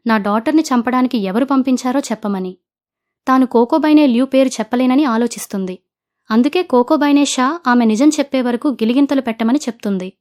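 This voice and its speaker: A woman narrates a drama recap with a somewhat high voice. She quotes the characters' lines in her own steady storytelling voice rather than acting them out. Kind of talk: retelling a drama plot.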